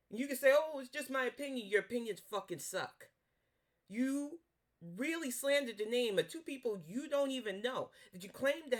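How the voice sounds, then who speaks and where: Heated woman with a New York accent. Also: medium pitch. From Northeast US. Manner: blunt, profane, scolding. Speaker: commentary YouTuber. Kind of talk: heated reaction commentary.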